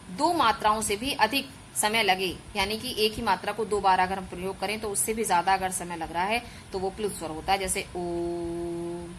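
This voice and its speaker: A woman's voice: medium pitch, a bit bright, a little hiss or hum, low-quality recording. A woman schoolteacher giving an online grammar lesson to children, patiently explaining step by step and drawing out sounds as examples. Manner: addresses pupils as children. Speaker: school teacher.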